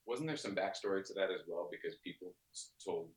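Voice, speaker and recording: A man's voice: deep voice, brisk. A man in his forties, a podcast guest, talking loosely and jokingly. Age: 40s. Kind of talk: casual podcast chat. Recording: echoey room.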